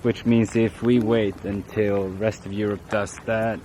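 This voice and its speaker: A man's voice: lowish voice, little pitch movement, measured pace, dark tone, poor audio. A man in his thirties talking casually for a travel vlog. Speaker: vlogger, travelling parent. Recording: clear outdoor and vehicle background noise.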